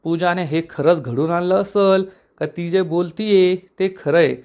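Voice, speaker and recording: A man voicing an anxious older wife who asks quick questions, in a TV serial recap. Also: sits high, clear, resonant tone, dull audio.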